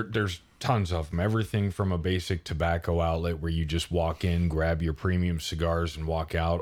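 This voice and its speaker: Man, low voice, deadpan comedic banter, mock-serious, filler-heavy. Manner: mock-serious, drawn-out phrasing with many fillers. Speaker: podcast co-host.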